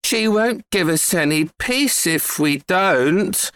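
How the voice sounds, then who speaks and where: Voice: mid-range voice, lively intonation, takes it slowly, fairly bright tone, clean tone, no echo, pitched above the performer's own voice. A storyteller voicing an earnest, eager young boy. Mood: worried.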